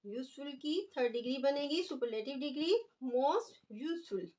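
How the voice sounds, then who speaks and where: A woman's voice: sits high, unhurried, a little mellow. A woman teaching an English grammar lesson, explaining patiently and stretching out example words as she writes them.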